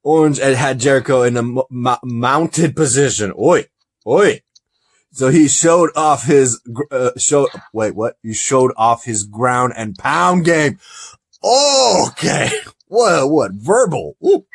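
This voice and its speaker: A man hosting a casual podcast review, talking in an animated way, reading results aloud and laughing often. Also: medium pitch, a little slow. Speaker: podcast host.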